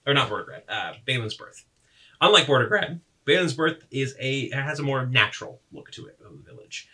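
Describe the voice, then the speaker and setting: A man's voice: medium pitch, sharp tone. A young man narrating as game master, describing scenes in a rambling way with fillers and self-corrections.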